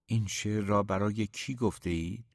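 A man's voice: fairly low pitch, fairly even intonation, dry recording, studio quality, lightly acted. A man reading an audiobook, voicing a blunt, outspoken young woman.

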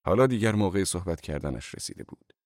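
A male narrator reading a first-person audiobook in a low, even voice. His delivery is measured and calm, recorded dry and close. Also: no room sound.

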